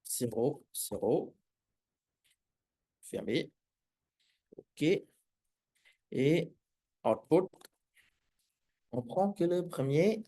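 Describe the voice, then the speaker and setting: A man who is not a native French speaker, with a foreign accent in French, teaches a live coding lesson haltingly, often searching for words. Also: fairly high pitch, lively intonation, mellow. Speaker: programming instructor.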